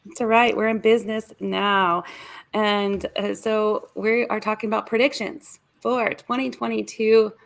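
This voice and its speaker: A woman co-hosting a casual video-call chat, talkative and quick to laugh, with rambling asides. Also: mid-range voice, flat delivery, creaky. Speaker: podcast co-host.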